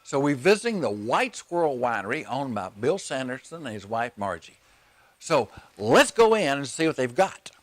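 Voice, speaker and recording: A man's voice: mid-range voice, sing-song, moderate pace. A man hosting a show and interviewing people in an upbeat, presenting way. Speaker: show host. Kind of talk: hosted tour interview.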